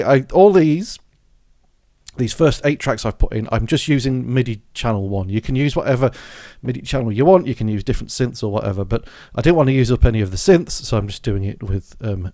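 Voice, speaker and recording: In a casual walkthrough of music software and hardware, a man rambles and thinks aloud as he goes. His voice is medium-pitched and darkish, recorded at studio quality with no room sound, though a dog can be heard scratching in the background.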